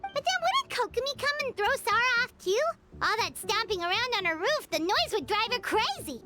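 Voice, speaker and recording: A woman voicing a tiny, excitable female companion sprite who talks about herself in the third person, in bossy, teasing game dialogue. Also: very high voice, normal speed. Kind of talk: video game voice acting. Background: loud game music.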